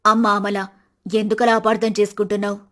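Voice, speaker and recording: A woman voicing a strict, proud middle-aged mother-in-law in an animated storybook, scolding in a stern voice. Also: mid-range voice, fairly quick, close to an everyday voice.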